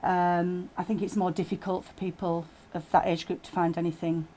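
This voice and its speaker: A woman's voice: on the low side, flat delivery, moderate pace, mellow, slight background noise. A woman who works at a college, speaking thoughtfully in an interview with some fillers. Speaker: college staff.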